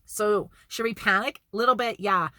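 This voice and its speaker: A woman's voice: medium pitch, moderate pace, pushed and bright, dry recording, clean studio sound. A woman from Canada talking in a casual vlog monologue, blunt and emphatic, swearing freely and repeating words for emphasis. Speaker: vlogger.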